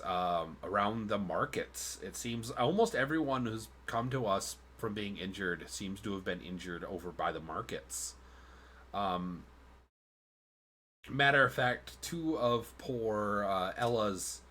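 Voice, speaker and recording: A man doing a soft-spoken kindly village priest. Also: lowish voice, expressive, measured pace, a little hiss or hum, pitched below the performer's own voice. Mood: earnest. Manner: gentle, earnest, muffled.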